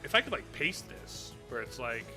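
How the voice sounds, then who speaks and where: A man's voice: medium pitch, sing-song, normal speed, over music. A man casually commenting while playing a horror game, chatty and joking. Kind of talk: casual let's-play commentary.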